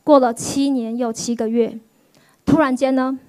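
High-voiced woman pastor telling her story. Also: moderate pace. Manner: animated storytelling, acts out quoted voices. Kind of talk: sermon testimony.

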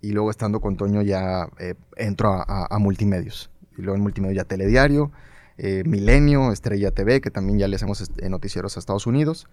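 Male journalist, middle-aged, northern Mexican accent, low-pitched, chatty anecdotal guest, dry close mic. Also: fast talker, no echo. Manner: animated anecdotal storyteller, acts out quoted dialogue, frequent fillers. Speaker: interview guest, broadcast journalist. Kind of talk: casual storytelling interview.

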